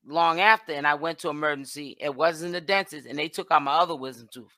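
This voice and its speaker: Chatty woman with a bright voice. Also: low-pitched, quick pace, no echo. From Boston, Massachusetts. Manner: chatty, reads comments aloud, trails off and restarts. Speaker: host of a livestream commentary channel. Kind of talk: casual chat reading viewer comments.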